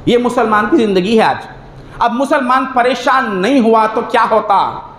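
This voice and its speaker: High-voiced preacher in an echoey hall. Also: male voice, normal speed, fairly bright tone. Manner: exhorting with rhetorical questions. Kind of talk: religious sermon. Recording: echoey hall with faint noise.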